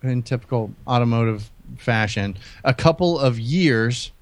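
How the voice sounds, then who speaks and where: A man's voice: mid-range voice, unhurried. A man co-hosting a podcast in casual conversation. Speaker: podcast co-host. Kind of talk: casual chat.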